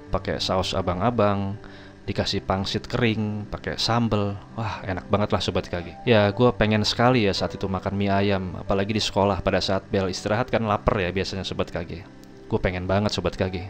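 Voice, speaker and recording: A man tells a personal story in a relaxed, chatty way, keeps addressing his viewers, and chuckles often. His voice sits low. Soft music plays faintly underneath. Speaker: storytelling vlogger. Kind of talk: casual first-person storytelling.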